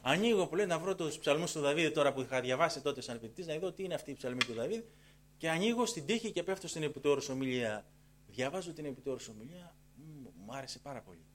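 A middle-aged man telling a personal conversion testimony in a lively way. He repeats phrases for emphasis and acts out the dialogue. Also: a little high, a little hiss or hum. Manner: acts out dialogue in changing tones. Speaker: church member giving a testimony.

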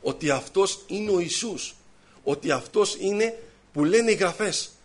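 Guy preaching a sermon, pretty high voice, goes from loud bursts to quiet mumbles and back. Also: expressive. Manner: swings between loud, high outbursts and low, hushed asides. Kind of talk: sermon with personal anecdotes.

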